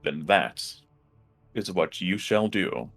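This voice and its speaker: A man voicing a solemn, fatherly god in a tabletop game, speaking gravely and formally. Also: low-pitched, animated, slow pace, a bit bright, faint music behind, pitched below the performer's own voice, exaggerated voice. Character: solemn otherworldly god, fatherly, to a cursed elf.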